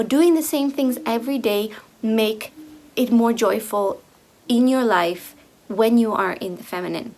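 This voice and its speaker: A woman speaking slowly and softly in a reflective monologue, often repeating herself and sometimes slipping into a whisper. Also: on the high side. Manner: slow, soft, drifting into whispers. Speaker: speaker on femininity.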